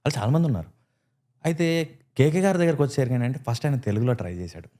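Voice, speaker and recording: A man speaking as a podcast guest in a dark, mellow voice at a middle pitch. He tells stories with animation and slips into acted-out quotes as he goes. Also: rapid-fire. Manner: animated storyteller who acts out quoted lines. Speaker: guest actor. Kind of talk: casual podcast chat.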